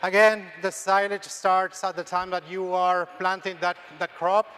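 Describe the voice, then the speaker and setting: High-voiced man with an Argentine accent. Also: flat delivery, unhurried, fairly bright tone, smooth. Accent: Argentine Spanish. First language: Spanish. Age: middle-aged. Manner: frequent restarts and tag "okay?". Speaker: extension dairy scientist, presenter. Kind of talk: conference talk with slides.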